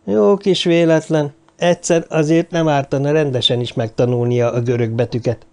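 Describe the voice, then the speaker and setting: A man reading an audiobook, voicing a dying bearded mathematician who speaks in a low, raspy, scornful, lecturing way. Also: steady tone, a little mellow, natural voice. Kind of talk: audiobook character voice.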